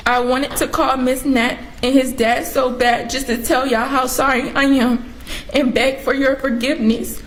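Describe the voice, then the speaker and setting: A teenage or young adult woman giving a sobbing, tearful apology as a defendant's statement in court. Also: sits high. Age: teens to young adult. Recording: noisy courtroom audio.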